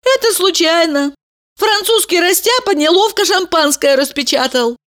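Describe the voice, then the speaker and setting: A woman voicing a stubborn young woman in love, speaking high and defiant. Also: lively intonation, normal speed, fairly bright tone. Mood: indignant, stubborn. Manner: high-pitched, indignant, stubborn.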